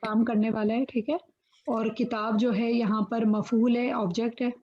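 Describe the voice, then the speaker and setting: A woman's voice: fairly high pitch, level tone, normal speed, dark tone, highs cut off. A woman student answering her teacher in short, hesitant replies over an online call.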